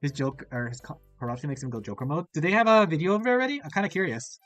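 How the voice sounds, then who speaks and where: Racing along in a medium-pitched, slightly bright voice, a streamer chats in a curious, rambling manner full of questions. The crunchy, bitcrushed audio comes from a laptop portable streaming mic, sounding dry and close with no room sound, and faint music sits behind.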